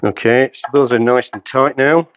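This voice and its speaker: Lo-fi audio with a little hiss or hum carries a medium-pitched voice of fairly even intonation at a moderate pace. In a carpeted indoor showroom, the hi-fi dealer in his fifties talks through a product setup step by step in short, matter-of-fact phrases as he works.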